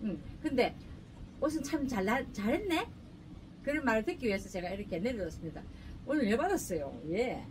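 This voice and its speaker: A middle-aged woman chats and jokes as she pushes her clothes. Her voice sits high and swoops up and down. She is recorded from a distance in her shop, with faint room noise behind her. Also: very animated, a little fast. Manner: chatty, joking, pushy seller. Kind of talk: casual sales pitch.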